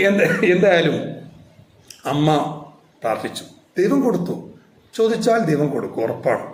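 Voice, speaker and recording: A man's voice: a little high, a little mellow. A man teaching a spoken English class, telling a story playfully and asking his students rhetorical questions. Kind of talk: storytelling grammar lesson. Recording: echoey room with faint noise.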